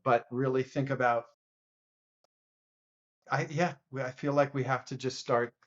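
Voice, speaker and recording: Earnest but halting, a man restarts his sentences often while debating politics casually as a guest on a podcast. He has a medium pitch and a flat delivery, heard through lo-fi sound.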